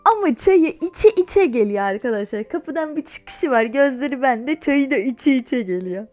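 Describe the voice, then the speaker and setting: A woman's voice: high voice, normal speed, soft background music. A young woman vlogging, chatting and laughing as she tells a personal story. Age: young adult. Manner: chatty, animated, laughs while telling. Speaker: YouTuber. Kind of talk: casual storytelling vlog.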